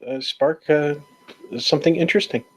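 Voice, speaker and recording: A man's voice: on the high side, moderate pace. A man co-hosting a casual online chat, cracking jokes and hesitating with fillers. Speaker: co-host.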